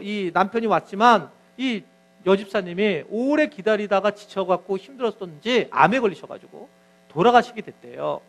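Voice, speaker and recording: A male pastor giving a sermon, telling stories animatedly and acting out what people said. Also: very high voice. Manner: animated storytelling, acts out quotes.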